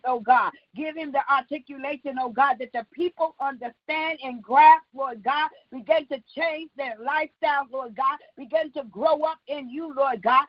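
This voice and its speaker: A woman leading a fervent intercessory prayer, punctuating each phrase with "Lord God" and making commanding declarations that rise to shouts. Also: sits high, no echo. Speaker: prayer leader. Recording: dull lo-fi dry recording.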